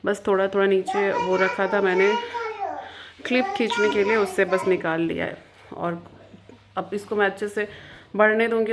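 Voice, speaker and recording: A woman's voice: medium pitch, a little hiss or hum. Chatty woman vlogger telling a story. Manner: chatty, mixing English words into Hindi. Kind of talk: casual storytelling vlog.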